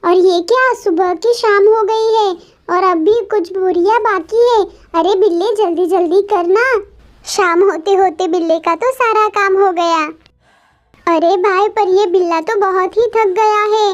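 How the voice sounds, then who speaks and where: Very high-pitched excited cartoon narrator. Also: measured pace, dull audio. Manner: keeps exclaiming in surprise, talks to the cartoon characters.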